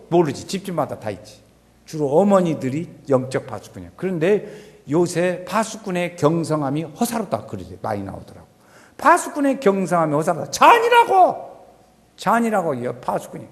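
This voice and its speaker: A man preaching a sermon who quizzes the congregation and swings from shouts to hushed asides. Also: sits high. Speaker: pastor. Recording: long hall reverb.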